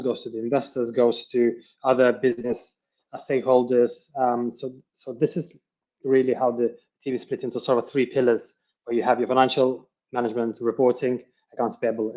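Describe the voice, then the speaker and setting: A man in his forties from Lithuania, a finance professional answering interview questions in a halting way, full of fillers and restarts. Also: mid-range voice, little pitch movement, warm tone. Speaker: financial controller, webinar guest. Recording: dull lo-fi audio.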